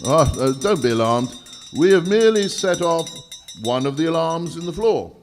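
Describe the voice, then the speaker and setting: An actor playing a proud, easily exasperated English lord in charge of a bank vault, speaking formally in a 1940s radio drama style. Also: male voice, fairly high pitch, expressive, over music, lightly acted. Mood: formal explaining. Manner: emphatic, deliberate, formal, slightly halting. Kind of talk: 1940s radio drama acting, performed live.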